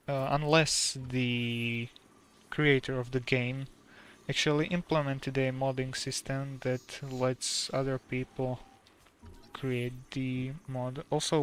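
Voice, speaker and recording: A soft-spoken man with a mid-range voice streams a game, offering calm, casual commentary. He is a native Slovak speaker and has a Slovak accent.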